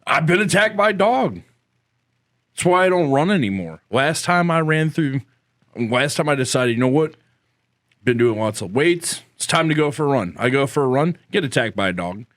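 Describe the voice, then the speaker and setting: A man's voice: a little high, sing-song, moderate pace, a bit bright, no echo, clean studio sound. Laid-back man telling stories. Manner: laid-back storyteller, self-mocking. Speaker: podcast co-host. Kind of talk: casual chat, anecdotes.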